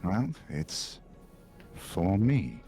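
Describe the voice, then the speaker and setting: A man voicing a strange masked male dealer who craves a gem, speaking slowly and threateningly with a gravelly voice. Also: low-pitched, sing-song, warm tone, faint music behind, voice pushed down, full character voice. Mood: menacing. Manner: slow, drawn-out, threatening.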